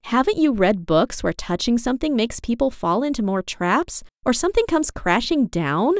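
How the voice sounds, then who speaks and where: A woman voicing a cautious, worried young girl in a children's storybook, talking higher and more anxiously than her narration. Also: very animated, normal speed, no room sound, clean studio sound.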